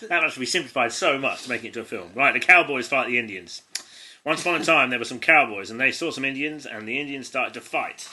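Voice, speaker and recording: In a mid-range voice that is pushed, bright, expressive, and fast, an English man co-hosting a comedy podcast reads a child's stories. He's giggly and amused, stumbling often and breaking off for asides.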